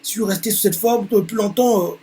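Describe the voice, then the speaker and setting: A man's voice: sits high, fairly quick, mellow, voice pushed up, close to an everyday voice. A man voicing an anxious young female secretary from a manga, read aloud in a pleading tone.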